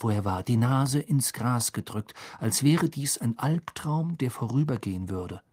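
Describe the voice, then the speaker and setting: A man narrating an audiobook in a measured storytelling manner. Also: mid-range voice, a little mellow, slightly rough, no room sound, clean studio sound. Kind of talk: scripted narration.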